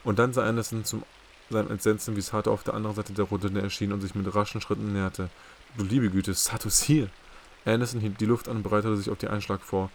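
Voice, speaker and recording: A man narrating a novel chapter as a hobby audiobook, with steady, measured storytelling. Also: fairly low pitch, slight background noise. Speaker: audiobook reader.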